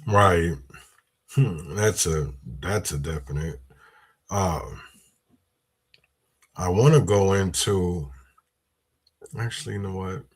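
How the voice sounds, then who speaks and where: Low husky-voiced political livestream host. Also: male voice, slow pace, pauses often. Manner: reads news reports aloud and adds opinion.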